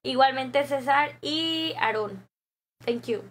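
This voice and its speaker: High-voiced Mexican woman streamer chatting. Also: takes it slowly, a bit bright, slight background noise. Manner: chatty, reads comments aloud, often laughs. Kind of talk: casual live-stream chat with viewers. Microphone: desk microphone.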